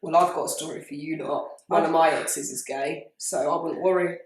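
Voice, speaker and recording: A woman's voice: low-pitched, fairly even intonation, normal speed. A woman with a British accent, a YouTube host casually chatting and reading out confessions in an informal, giggly way. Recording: roomy echo, distant microphone.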